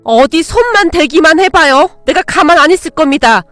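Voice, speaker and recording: Lady doing a stern but kind mother-in-law, high-ish voice, dry mic. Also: normal speed, dry recording, soft background music, natural voice. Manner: firm, motherly.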